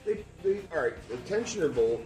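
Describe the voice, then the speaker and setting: Lively man in echoey garage. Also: on the high side, brisk, soft background music. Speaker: mechanic. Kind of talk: casual shop banter.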